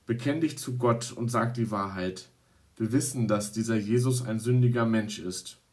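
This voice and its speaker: A man's voice: fairly low pitch, moderate pace, close to an everyday voice. Hostile, accusing religious leaders, read by one man, stern tone. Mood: interrogating.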